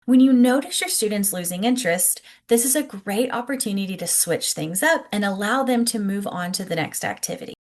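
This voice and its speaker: A woman presenting scripted teaching tips as an early childhood educator, explaining clearly and encouragingly and speaking directly to the listener. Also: medium pitch, expressive, brisk, hardly any pauses. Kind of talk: instructional presentation, scripted narration to camera.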